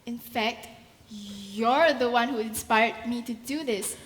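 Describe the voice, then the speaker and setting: An eager young heiress played by a woman speaks earnestly in a high, theatrical voice, ringing through a hall. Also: takes it slowly. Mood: upbeat. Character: earnest, eager young rich gallery daughter. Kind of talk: theatrical stage acting. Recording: echoey hall.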